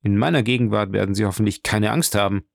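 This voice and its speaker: A man's voice: on the low side, quick pace, gravelly, dry recording, clean studio sound. A man voicing a commanding, mocking nobleman who orders his servant about. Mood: scornful. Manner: imperious, ironic.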